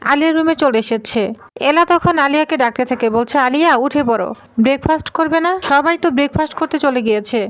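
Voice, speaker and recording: High-voiced woman retelling a drama. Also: no room sound, low-quality recording. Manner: reads every character's lines in much the same voice. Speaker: narrator retelling a TV serial episode. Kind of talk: storytelling narration with quoted dialogue.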